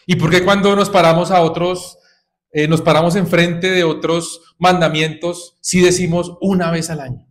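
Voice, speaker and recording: A man's voice: on the high side, flat delivery, moderate pace. A man preaching a sermon to his congregation, exhorting them with repeated rhetorical questions and calls of "brothers". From Colombia.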